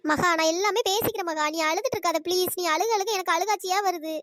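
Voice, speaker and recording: A woman's voice: extremely high pitch, fast talker, fairly bright tone, dry recording, clean studio sound. A woman doing a chirpy, comforting cartoon sister. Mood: soothing. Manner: reassuring, scolding. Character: caring, firm young sister. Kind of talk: cartoon storytelling.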